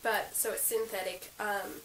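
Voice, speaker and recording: Sitting a bit back from the mic in a roomy, echoey space with a faint hiss, a young Australian woman chats about her favourite gear for her equestrian vlog. Her mid-range voice is croaky from illness, a bit bright, level in tone and a little slow. Giggles, ums and likes pepper her casual show-and-tell.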